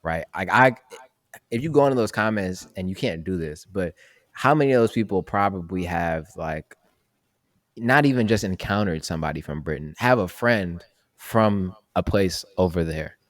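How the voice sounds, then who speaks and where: Young male podcast co-host, lowish voice, dry close sound, rambling slangy delivery. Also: lively intonation, normal speed, no room sound. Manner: loose, rambling, heavy on fillers and slang. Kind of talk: casual chat.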